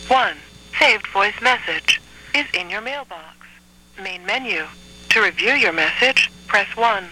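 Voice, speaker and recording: A woman reading scripted phone menu prompts as an automated voicemail voice, in measured, clearly segmented instructions over a telephone line. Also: mid-range voice, bright, forceful tone, slight background noise.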